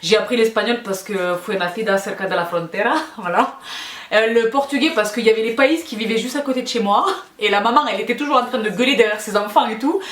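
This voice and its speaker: A fast talker with a slightly high, fairly bright voice, this video host chats casually and affectionately with her followers in a Q&A. She's emphatic and prone to repeating phrases, and the audio has an echoey, roomy quality.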